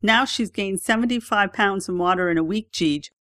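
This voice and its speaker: A man's voice: high voice, normal speed, a bit bright, no room sound, clean studio sound. Woman voicing a frantic husband, voice cracking. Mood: desperate. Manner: pleading, voice cracking. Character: frantic middle-aged husband begging for help.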